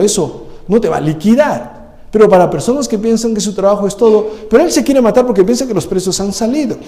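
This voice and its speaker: At a church service, a pastor preaches an animated sermon, firing rhetorical question after question at the congregation. His voice sits high yet sounds mellow and dark, and a long church-hall reverb trails after every phrase.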